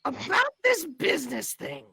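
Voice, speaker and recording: A man voicing an excitable, squeaky young male adventurer who blurts his lines out loudly. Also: a little slow, creaky, no echo, full character voice. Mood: eager. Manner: shrill, bursting, shouting.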